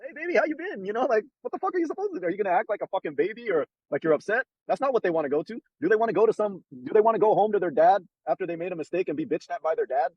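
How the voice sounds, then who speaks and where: Blunt, fast-talking profane man. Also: sits high, expressive, husky, dry recording, highs cut off. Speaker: host giving dating advice. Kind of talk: casual advice chat. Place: in a car.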